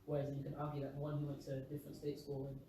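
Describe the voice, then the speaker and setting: Fast-talking young London man, very echoey room. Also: a little high, completely flat delivery. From East London, England. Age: young adult. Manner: rambling, discursive. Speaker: student speaker in a discussion. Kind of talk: casual spoken discussion. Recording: very echoey room, distant mic, noisy.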